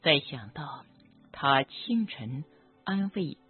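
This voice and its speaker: A doctor telling a story about a patient in a gentle, measured, reflective narration. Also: medium pitch, big pitch swings, husky. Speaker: doctor treating cancer patients. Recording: tinny phone-like audio with faint background music.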